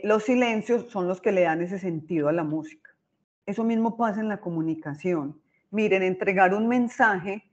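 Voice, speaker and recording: Expressive woman lecturing. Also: mid-range voice, lo-fi sound. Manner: expressive, often checks in with listeners by asking "right?". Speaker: speaker giving a talk on emotional intelligence. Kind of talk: informal lecture.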